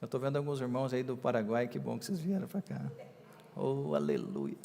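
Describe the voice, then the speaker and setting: A man, a bishop preaching a sermon with emphatic, drawn-out stresses on key words. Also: mid-range voice, big pitch swings, creaky, warm tone, in a large hall.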